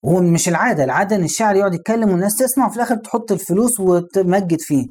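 A man's voice: high voice, racing, darkish tone, breathy edge. A man with an Egyptian Arabic accent, preaching in a conversational storytelling lesson and putting rhetorical questions to the listener. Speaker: Islamic preacher.

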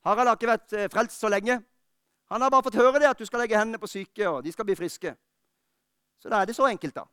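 A man preaching a fervent sermon, rising to urgent calls and then dropping to quiet, personal talk. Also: high-pitched, clear, resonant tone, dry recording, studio quality. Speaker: pastor. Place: church.

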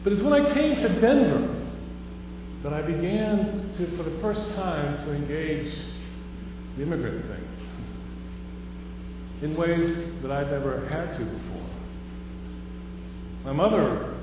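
A Houston, Texas man delivers a conversational chapel talk before a live audience, telling stories and building to emphatic questions. His voice is a little high with lively intonation, and he speaks slowly with frequent pauses. The recording is dull and humming, captured from far off in an echoey hall.

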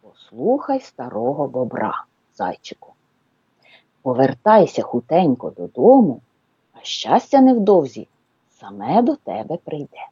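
A woman voicing a very old, wise male beaver in a children's story, slow and fatherly. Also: a bass voice, big pitch swings, dark tone, breathy edge, no room sound, muffled recording, voice pushed down, full character voice. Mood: kindly.

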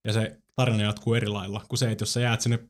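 A man's voice: on the low side, little pitch movement. A man chatting casually about video games, loose and hedging, often repeating words and fillers.

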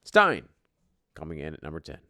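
A man's voice: extremely low pitch, huge pitch swings, normal speed, pushed and bright, a little hiss or hum. A man hosting an informal fantasy sports top ten countdown show, with profane, bro-style trash talk. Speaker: fantasy football league show host.

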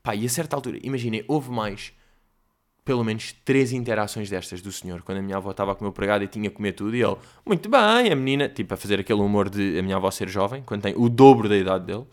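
A man's voice: lowish voice, fairly even intonation, rapid-fire, a little mellow. A man with a European Portuguese accent, hosting a podcast and telling stories in a loose, chatty way full of slang fillers. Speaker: podcast host. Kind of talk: casual storytelling monologue.

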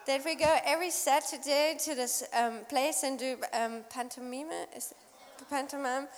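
A woman's voice: high-pitched, steady tone, moderate pace. A woman interpreting live at a church gathering, often hesitating and searching for the right words. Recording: echoey hall with long reverb.

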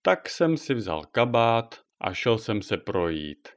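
Older retired man in a storybook, fussy and easily offended, rambling on with a lively, swooping voice, as a narrator puts him on. He talks in an indignant, chatty way. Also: lowish voice. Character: fussy retired old man, touchy and talkative.

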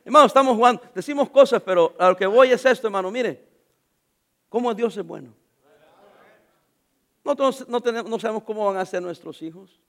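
A middle-aged male pastor, preaching a sermon in church, swinging from loud to quiet and joking with the congregation. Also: sits high, fairly quick, long pauses.

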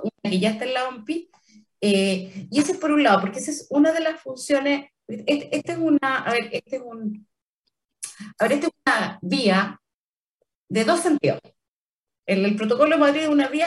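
A woman's voice: high-pitched, far from the mic. A woman with a Chilean accent, a trademark office official answering interview questions carefully, with many fillers and restarts. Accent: Chilean Spanish.

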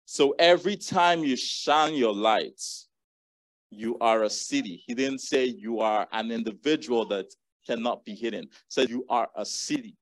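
A man's voice: mid-range voice, unhurried. Guy preaching at church, earnest, reads out verses, dry sound no echo. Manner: earnest preaching, reading and repeating scripture verses. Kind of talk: sermon.

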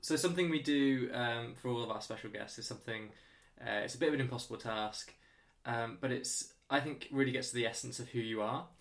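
A man presents a podcast. His pitch is average for a man, and he speaks courteously, in measured phrases, as if from prepared notes. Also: a bit bright. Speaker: podcast host. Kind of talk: scripted podcast introduction and interviewing.

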